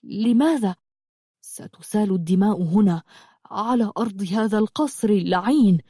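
A woman's voice: medium pitch, moderate pace, dark tone, slightly rough, no echo, studio quality, close to an everyday voice. A woman voicing an anxious, eager young woman in a read-aloud story. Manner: eager, urgent.

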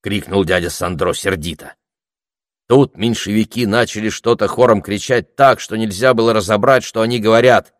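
A man narrating an audiobook in a calm, even storytelling manner. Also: on the low side, normal speed, dry recording, clean studio sound. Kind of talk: scripted narration.

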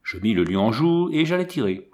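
A man reading a story aloud as narration, with lively, comic emphasis. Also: mid-range voice, fairly quick. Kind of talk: scripted narration.

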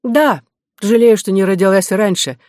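A man's voice: high-pitched, moderate pace, a little mellow, dry recording, studio quality, voice pushed up, close to an everyday voice. A man doing a wry young heroine. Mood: playful. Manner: teasing, playful.

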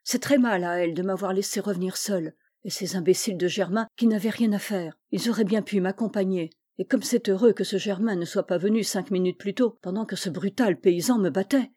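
A woman voicing a proud, disdainful young noble girl in a storybook reading, speaking in a sharp, petulant manner. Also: medium pitch, fairly quick, hardly any pauses, husky, close to an everyday voice. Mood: resentful.

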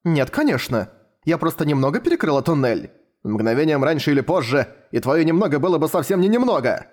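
A man's voice: a little high, very animated, fairly quick, darkish tone. A man voicing a cheerful, apologetic middle-aged mother in an audiobook. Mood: teasing.

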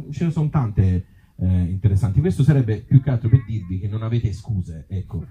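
A man presents a book he wrote himself, speaking informally on stage at an outdoor olive-grove festival. He's an author and actor with a low, warm voice and a wry, self-deprecating style.

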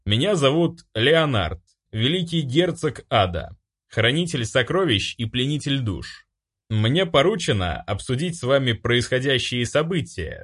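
A man reading an audiobook voices a wary male demon duke of hell who speaks formally and then jeers and shouts. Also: mid-range voice.

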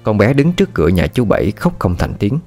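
A man narrating a ghost story in a steady, somber way. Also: on the low side, a little fast. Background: rain and soft music.

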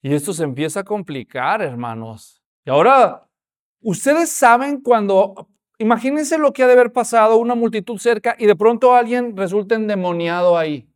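A man preaching a sermon as a pastor, telling the story with animated, acted-out voices. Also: high voice, normal speed.

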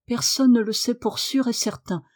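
A woman's voice: a little high, fairly even intonation, moderate pace, a little mellow, lightly acted. A woman voicing a fretful young housemaid, worried and pleading.

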